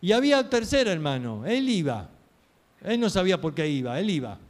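A man's voice: high-pitched, sing-song, fairly quick. A man preaching a sermon, telling stories earnestly and asking rhetorical questions.

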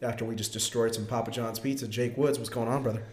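A man's voice: medium pitch, fairly even intonation, fast, a little hiss or hum. A man hosting a casual podcast, nasal and congested from a cold, with an emphatic, slangy, bro-style delivery. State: getting over a cold. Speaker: podcast host. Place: home dining room, indoors. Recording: roomy echoing indoor sound.

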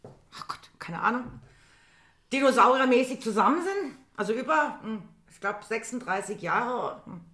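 A woman's voice: a little high, normal speed. Woman in her fifties, echoey room. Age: 50s. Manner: lively storyteller, hesitant with many fillers. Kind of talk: casual chat, telling anecdotes. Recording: roomy echo.

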